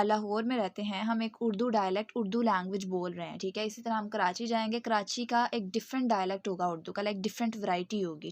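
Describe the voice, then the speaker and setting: A woman's voice: mid-range voice, no room sound. Woman lecturing in a dry, close recording. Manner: patient explaining, often checks in with "okay", reads English passages slowly.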